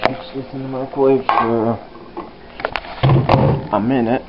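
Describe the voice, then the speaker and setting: A man's voice: mid-range voice, little pitch movement, unhurried. A man casually rambling through a home video vlog with easygoing restarts, recorded as old camcorder audio. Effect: old camcorder audio, dull and hissy. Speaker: vlogger. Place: his house, indoors and out front. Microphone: built-in camcorder mic, handheld. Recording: hissy lo-fi old camcorder sound.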